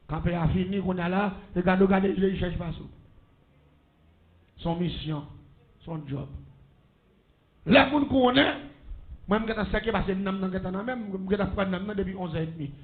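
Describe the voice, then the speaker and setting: A man's voice: sits high, a little slow, long pauses. A man with a Haitian accent, preaching a sermon as a testimony and calling out blessings to the congregation. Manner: storytelling preacher with call-and-response blessings. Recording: muffled lo-fi recording.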